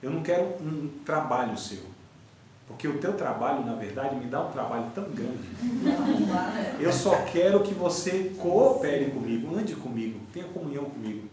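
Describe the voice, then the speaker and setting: A patient, fatherly God voiced by a man speaks low and hushed, calmly correcting. The voice sits deeper than the speaker's own. It is caught from a distance in a very echoey room. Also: normal speed, noisy background, natural voice. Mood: gentle. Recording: echoey classroom from far off.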